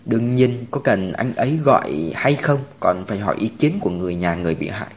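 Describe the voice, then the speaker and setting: A narrator voices a steady male police officer, dropping a little lower for him. He explains things in measured sentences. It sounds like a storybook reading with a lively pitch. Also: a little hiss or hum. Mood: calm.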